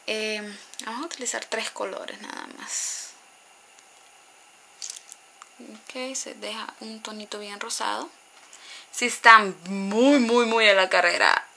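Close to her webcam in a small bedroom, a beauty vlogger from Honduras in her thirties rambles through a makeup tutorial, adding asides and English words. She has a medium-pitched, sharp voice with vocal fry, and there's slight background noise.

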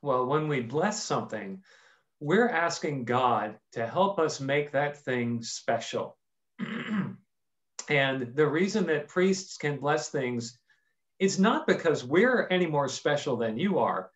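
A man's voice: fairly high pitch, animated, takes it slowly. A middle-aged man, a priest, plainly explaining things for children on a video call. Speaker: priest, interview guest. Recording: slightly dull video-call audio.

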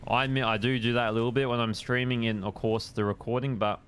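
A man's voice: medium pitch, flat delivery, quick pace, fairly bright tone, a little hiss or hum. A young adult man, chatting casually on a gaming live stream, rambling laid-back and swearing at the game.

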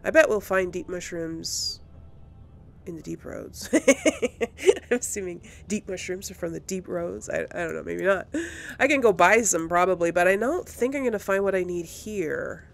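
Her voice is low-ish and creaky but lively in intonation, moving at a normal speed. The woman is hosting a game playthrough, chatting informally and voicing her thoughts while game music plays.

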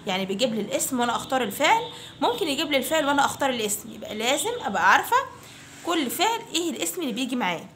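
A woman's voice: sits high, a bit bright, a little hiss or hum. A woman with an Egyptian Arabic accent, an English teacher giving a patient online lesson to schoolchildren. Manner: patient, addresses pupils affectionately. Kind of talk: YouTube lesson for children.

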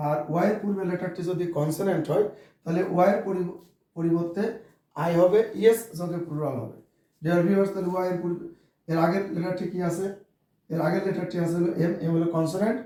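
A man's voice: sits high, dark tone. Echoey Bengali-accented male teacher. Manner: repeats "dear viewers", spells words letter by letter. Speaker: English teacher. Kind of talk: classroom lesson to camera. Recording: very echoey room, voice from far off.

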